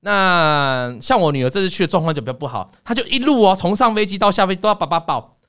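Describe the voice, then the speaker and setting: A man hosting a casual chat, telling stories in an animated way and acting out scenes. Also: sits high, fast talker, clean tone. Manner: animated storyteller, acts out scenes. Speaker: podcast host.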